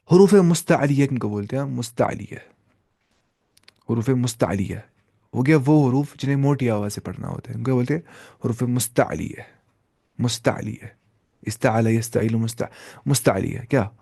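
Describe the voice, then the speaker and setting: A male Quran teacher with a gravelly, fry-edged voice at an ordinary pitch, explaining a lesson step by step. He keeps quizzing the class and answering himself, drawing sounds out slowly to show them. The recording is dry and close, with no room echo. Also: dark tone. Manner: repeats and slowly drawls sounds to demonstrate.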